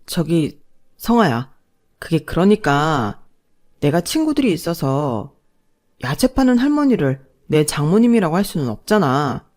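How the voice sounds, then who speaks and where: A woman's voice: deep voice, sing-song, unhurried, a little mellow. A snobbish son-in-law from an audio story, played by a woman narrator. He talks down to people in a condescending, self-justifying way. His voice stays close to the reader's own, only a little raised. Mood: wheedling. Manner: condescending, wheedling, then scornful. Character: arrogant young husband, snobbish son-in-law.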